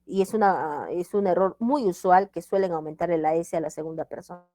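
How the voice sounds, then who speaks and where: A woman's voice: on the low side, a little fast, mellow, no echo. A woman teacher giving a grammar lesson, emphatic and repeating examples with checks like "ready?". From Peru.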